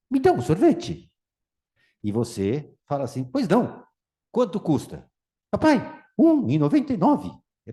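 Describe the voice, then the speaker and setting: A man with a Brazilian Portuguese accent talks to an audience, swinging his voice widely up and down. He acts out small scenes in other voices. His tone is darker and mellow. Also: mid-range voice. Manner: animated, acts out voices in anecdotes. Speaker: speaker on tax reform. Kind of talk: lively public talk with acted anecdotes.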